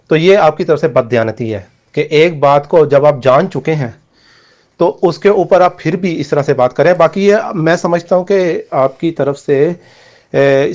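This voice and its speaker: Guy with a higher voice on a muffled voice note, accusing, explains step by step. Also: a little mellow. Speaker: debater. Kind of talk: heated religious debate voice messages.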